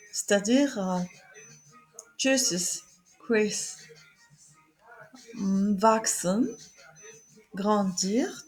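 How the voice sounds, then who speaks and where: A woman speaks at a very slow, deliberate pace, spelling out German letters and repeating every word in German, French and English. Her pitch sits mid-range and she hesitates with fillers between examples. Soft music plays faintly behind her. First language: Arabic. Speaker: German teacher. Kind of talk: slow alphabet lesson.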